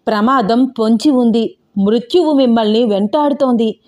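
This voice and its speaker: A woman's voice: fairly high pitch, darkish tone, natural voice. Woman doing a possessed girl's grave spirit voice. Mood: grave warning. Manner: grave, slow, commanding warnings. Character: young woman possessed by a stern male spirit.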